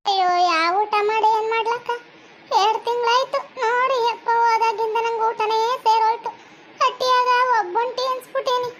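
A woman's voice: extremely high pitch, steady tone, fairly quick, background noise. A woman playing a lonely village wife pining for her absent husband, speaking in a mournful, lamenting way with a North Karnataka Kannada accent.

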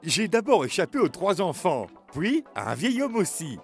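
A man's voice: high voice, sing-song, moderate pace, creaky, faint music behind, exaggerated voice. A man voicing a boastful runaway pancake in a cartoon, taunting in a sing-song way. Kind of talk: cartoon voice acting.

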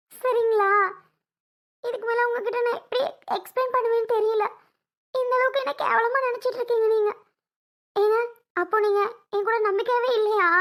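A woman's voice: very high-pitched, a bit bright. A woman voicing a tearful young wife and new mother who pleads to be trusted, in a home-made audio drama. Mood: hurt, pleading.

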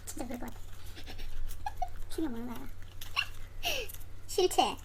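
A pitch-shifted, childlike voice with a South Korean regional dialect, chatting casually and in a giggly way while crafting. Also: lively intonation, slow. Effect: pitch-shifted voice, raised high and childlike. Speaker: crafting vlogger. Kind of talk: casual chat while journaling together. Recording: clearly noisy recording with clicks.

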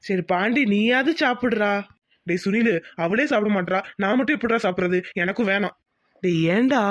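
A man's voice: sits high, dry recording, studio quality. Man voicing Tamil cartoon characters. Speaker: cartoon voice artist doing several male characters.

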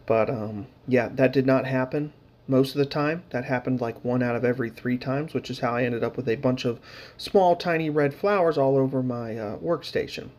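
A man's voice: mid-range voice, moderate pace, a little mellow. A man casually narrating his hobby painting footage, rambling with lots of fillers and dry, sarcastic humor.

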